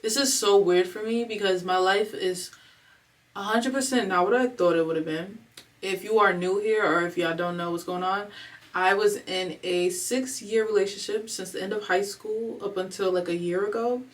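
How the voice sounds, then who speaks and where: In her home vlog, the woman in her twenties speaks at a moderate pace in a mid-range voice, slightly distant from the mic. Her talk is casual, candid, and slangy, rambling along as she fights back tears.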